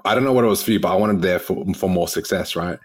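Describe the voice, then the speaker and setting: Excitable male host, 30s, deep-ish voice, casual slangy delivery. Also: fast talker, husky. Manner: excitable, slangy, lots of "bro" and "like". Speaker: podcast host. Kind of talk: casual chat.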